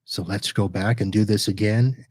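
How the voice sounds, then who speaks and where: This podcast host, who reviews network gear, is a man with a lowish, husky, slightly mellow voice and fairly even intonation. He talks through a live screen-share demo at a moderate pace, chatty and loose, thinking aloud while clicking and often correcting himself mid-sentence. The sound is dry and close, with no room echo.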